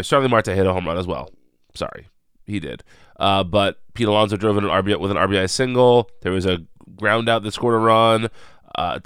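A man's voice: on the low side, clean tone, dry recording, studio quality. A man with a head cold and a nasal voice, hosting a casual solo recap podcast with rambling, self-correcting talk. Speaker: podcast host.

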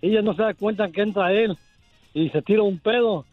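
A man calling in to a radio show to tell a joke, plain and unhurried. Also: high voice, over music. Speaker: caller. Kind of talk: telling a joke on a call-in show. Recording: dull call-in audio.

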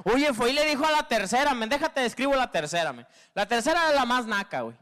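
Stand-up comic, male, northern Mexican accent, very high voice, slangy crude storytelling. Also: big pitch swings, fast talker, bright, forceful tone. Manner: crude slangy storytelling, constant filler tag; acts out women in a higher squeal. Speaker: stand-up comedian. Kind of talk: stand-up comedy monologue.

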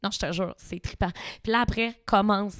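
A young woman in her twenties with a Québécois accent, a podcast guest telling stories excitedly in casual chat and adding her own sound effects. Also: medium pitch, moderate pace, no room sound, clean studio sound.

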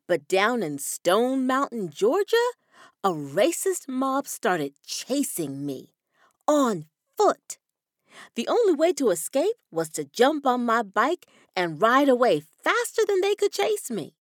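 An actress playing a bold, adventurous young woman motorcycle rider who tells her story in a calm, self-assured way. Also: on the high side, takes it slowly, no room sound, clean studio sound, full character voice. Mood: confident. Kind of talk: audio drama acting.

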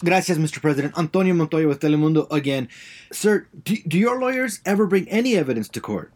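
Performer as animated, persistent male TV reporter. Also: medium pitch, normal speed. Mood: confrontational. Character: persistent, confrontational male Spanish-language TV reporter. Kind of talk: comedy sketch press conference.

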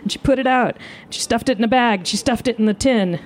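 A woman comedian telling a comic story live on stage, animated and self-mocking. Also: fairly quick. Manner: animated, self-mocking, jumps into high voices. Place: live show outdoors.

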